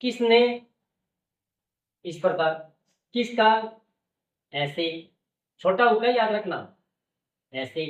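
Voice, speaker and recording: A man's voice: high-pitched, expressive, slow pace, long pauses. Distant, echoey male steno teacher. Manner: patient, repeats "okay" and "look carefully" often. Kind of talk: classroom-style explanation. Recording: echoey, distant, dull sound.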